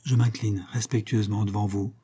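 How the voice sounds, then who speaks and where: A man's voice: on the low side, fairly even intonation, fairly quick, mellow, husky. A man reading an audiobook and voicing a frightened young society woman who turns defiant, pleading and pained. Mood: firm.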